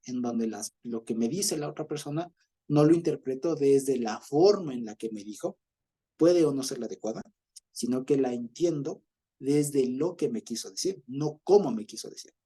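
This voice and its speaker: A man's voice: mid-range voice, mellow, husky. A man with an Ecuadorian accent teaching a Bible study in a chatty way, often checking that listeners follow and chuckling as he goes. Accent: Ecuadorian Spanish.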